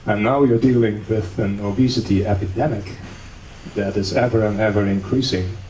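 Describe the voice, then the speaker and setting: A Dutch man delivers an academic lecture at a conference, explaining things steadily with a touch of dry humor. His voice is lowish, steady, and warm, at a normal speed. The recording comes from an echoey hall through a distant mic, with faint noise.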